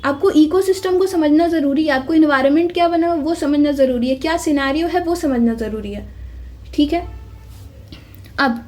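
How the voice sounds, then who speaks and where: A woman's voice: sits high, normal speed, a little mellow. A woman giving a casual, insistent exam-update talk to viewers, often calling them "bhai" and checking in with "theek hai".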